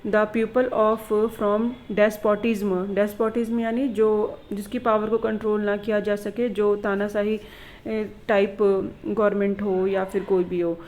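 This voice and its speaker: A woman teacher going through exam questions with students, reading English questions slowly and explaining them in Hindi mixed with English. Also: mid-range voice, little pitch movement, a little mellow, low-quality recording. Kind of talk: exam revision lesson.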